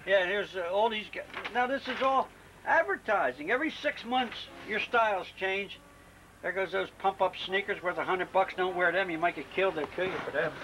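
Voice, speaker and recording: A man's voice: sits high, normal speed. A middle-aged father arguing insistently at a family dinner, repeating his points, heard on an old VHS home video. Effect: old VHS home video recording. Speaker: father in a mock family debate. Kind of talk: casual argument at a family dinner. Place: home dining room. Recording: hissy camcorder tape, distant mic.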